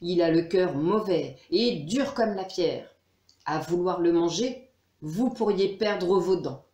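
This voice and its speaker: A woman's voice: lowish voice, slow, dark tone, highs cut off. A woman voicing a clever, coaxing father. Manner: coaxing, reasonable. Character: clever village father, calm and persuasive. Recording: roomy echo.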